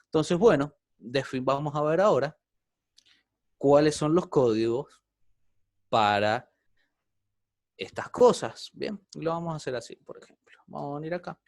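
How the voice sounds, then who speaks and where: A man's voice: a little high, unhurried, vocal fry, long pauses, a little mellow, dry recording, studio quality. A man teaching an online programming class, explaining step by step and often checking in with the students.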